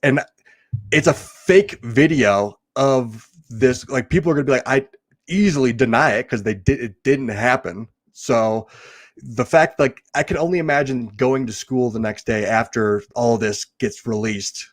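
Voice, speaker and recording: A man's voice: mid-range voice, measured pace. Rambling young man on a podcast. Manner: rambling, animated, laughs often. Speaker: podcast co-host. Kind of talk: casual comedic podcast chat.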